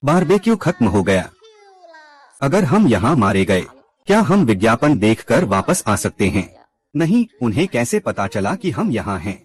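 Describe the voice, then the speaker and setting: A male narrator runs through a short drama, delivering every character's lines in one scripted read. His pitch is mid-range and swings widely from line to line. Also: sing-song, moderate pace, breathy edge. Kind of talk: scripted recap narration voicing all characters.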